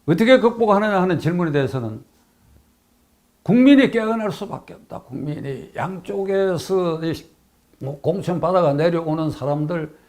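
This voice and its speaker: A man's voice: high voice, animated, normal speed, darkish tone. An older man giving a political commentary monologue, emphatic and repeating key phrases, asking rhetorical questions.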